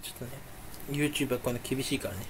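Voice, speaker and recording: A man's voice: medium pitch, fast, a little hiss or hum. A young man chatting alone to camera, rambling playfully and mocking himself while sucking on a candy. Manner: playful, self-mocking muttering with sudden loud outbursts. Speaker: YouTuber. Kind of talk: rambling solo chat.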